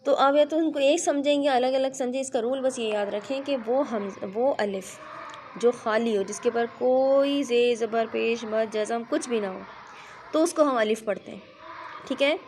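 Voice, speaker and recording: A woman teaches a recitation lesson, explaining each point with patience and stopping often to check understanding. Her voice sits a little high. A faint hiss runs under the recording. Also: a little mellow. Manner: patient, explanatory, frequent "theek hai" check-ins. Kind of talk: online children's lesson.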